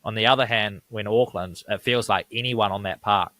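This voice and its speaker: A man's voice: on the low side, normal speed, pushed and bright, no echo. A man, co-hosting a casual sports podcast, talking conversationally and checking in with tag questions. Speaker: podcast co-host.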